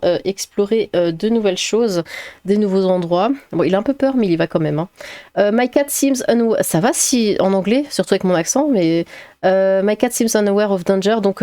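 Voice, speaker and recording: A woman's voice: mid-range voice, mellow, no echo. A woman chatting casually as a vlogger, laughing often, with many fillers and restarts. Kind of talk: casual chat, reading a quiz aloud.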